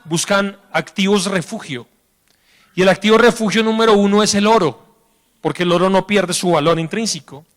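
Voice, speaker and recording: A man preaching a sermon in a church, talking in a colloquial way and acting out the stories he tells. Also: sits high. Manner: colloquial, animated storytelling with acted quotes.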